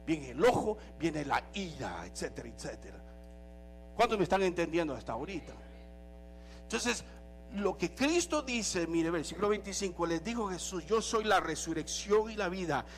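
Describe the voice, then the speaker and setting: A male pastor preaching a sermon in an animated way, slipping in English phrases now and then. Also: high-pitched.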